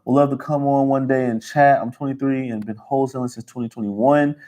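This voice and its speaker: A man in his twenties co-hosting a livestream, giving business advice in casual, energetic talk and calling people bro. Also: medium pitch, fairly quick. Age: 20s. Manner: energetic, slangy, calls listeners bro. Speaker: livestream co-host.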